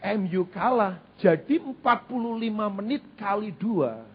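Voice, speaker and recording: A man delivers a sermon in a high, husky voice. He preaches with animated repetition and a light touch of humor. The recording sounds dull and lo-fi. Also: unhurried. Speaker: pastor.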